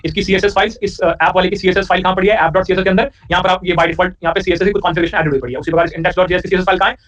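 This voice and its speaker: A man's voice: sits high, fairly even intonation, racing, a bit bright. A man teaching a live coding lecture, repeating questions back to his students and dropping joking asides. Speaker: programming teacher. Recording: distant, dull lo-fi recording.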